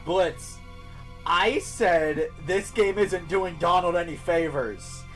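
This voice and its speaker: A man's voice: high voice, takes it slowly, a bit bright, faint music behind, low-quality recording. A man giving casual live let's play commentary as a game streamer, chatting as he goes.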